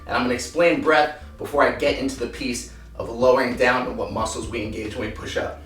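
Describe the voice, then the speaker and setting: A man's voice: medium pitch, fairly even intonation, brisk, a bit bright, soft background music. A man teaching push-up form, demonstrating as he talks and getting short of breath at times. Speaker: fitness coach. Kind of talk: workout tutorial. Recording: roomy echo, mic at a distance.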